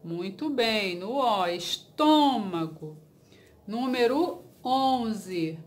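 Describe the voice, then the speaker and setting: A woman's voice: on the high side, animated. A woman teacher with a Brazilian Portuguese accent, giving a dictation lesson and encouraging advice to her students. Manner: slow, deliberate dictation with repeated words; encouraging, reassuring tone.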